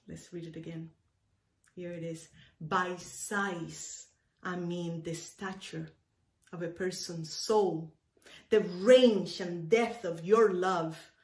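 With a fairly low, slightly mellow voice, a Cuban-born woman preaches a sermon as a minister. She faces the camera in a bookshelf-lined room, repeating phrases deliberately for emphasis, and the echo of the indoor space is noticeable.

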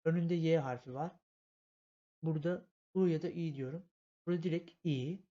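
Heard on a dull, lo-fi home recording, a man leads a language lesson, spelling out letters with patience, step by step, and repeating himself often. His voice is slightly high and warm, at a normal pace.

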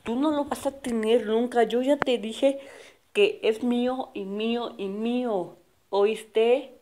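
A woman voicing a bossy, possessive young kid in a homemade cartoon, shouting insistently. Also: on the high side, steady tone, slow, a little hiss or hum. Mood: indignant.

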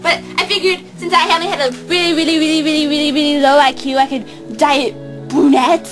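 A woman's voice: sits high, level tone, fast talker, over music, close to an everyday voice. A young woman playing a ditzy, dramatic airhead in an amateur comedy skit. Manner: theatrical, airheaded. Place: carpeted basement room at home.

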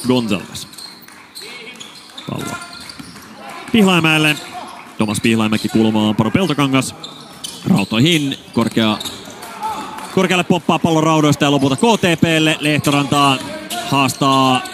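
A man's voice: mid-range voice, background noise. A man doing live play-by-play basketball commentary, rattling off player names and bursting out on big plays. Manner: rapid name calls, bursts of excitement on baskets.

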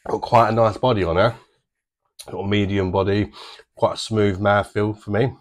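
A man's voice: lowish voice, steady tone, moderate pace. A man in his thirties with a British accent, casually reviewing a beer to camera from a small home bar, chatty and easygoing with plenty of fillers. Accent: British English.

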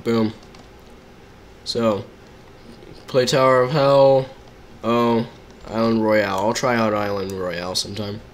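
A man's voice: lowish voice, steady tone, slow, pauses often, slight background noise. A man casually chatting to his viewers while live-streaming a video game, reacting to the action as he plays.

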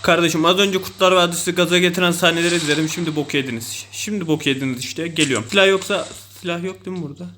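A young man with a Turkish accent giving excitable, self-mocking commentary over mobile game play. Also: fairly high pitch, rapid-fire, few pauses, background noise. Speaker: gaming YouTuber.

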